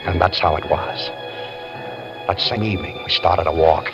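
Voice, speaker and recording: In a dull old radio broadcast, an actor in 1940s radio style plays a wary, scheming escaped prisoner in handcuffs, narrating his tale in wry, tense first person. His low-pitched, natural-sounding voice moves at normal speed over loud music.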